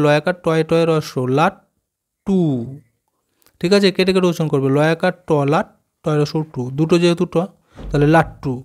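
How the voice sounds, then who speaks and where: Male teacher, slightly high voice, slow patient syllable-by-syllable explaining for kids. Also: darkish tone. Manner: slow, syllable-by-syllable explaining with frequent check questions. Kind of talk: explaining a children's reading lesson.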